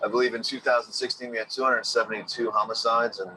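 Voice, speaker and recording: A man's voice: mid-range voice, level tone, fast talker. A man talking casually and matter-of-factly as a local guide in a documentary interview. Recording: noticeable street or vehicle noise.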